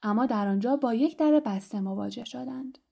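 A woman's voice: fairly high pitch, creaky. A woman narrating a storybook aloud, acting out the characters' voices. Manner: lively, acts out each voice. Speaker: audiobook narrator.

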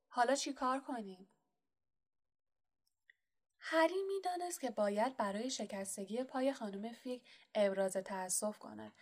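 Woman, audiobook narrator, steady measured reading, slightly high-pitched. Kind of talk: scripted storybook narration.

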